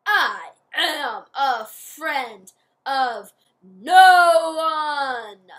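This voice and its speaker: A woman voicing a furious scaly female witch-monster who shrieks her lines loudly while reading a storybook aloud. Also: high voice, animated, drawn-out words, full character voice. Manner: shrieking, loud.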